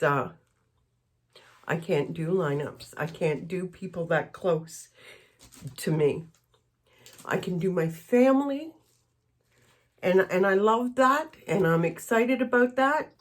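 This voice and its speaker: A woman's voice: fairly low pitch, expressive, slow pace, pauses often. A middle-aged woman from Canada chatting candidly while she works on a craft piece, rambling and a little emotional. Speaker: craft vlogger. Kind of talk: casual chat while crafting.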